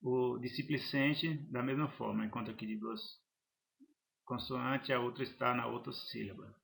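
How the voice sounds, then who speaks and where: A man's voice: medium pitch, fairly even intonation, creaky, fairly bright tone. Man teaching a grammar lesson. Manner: halting, restarts phrases while explaining. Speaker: Portuguese teacher.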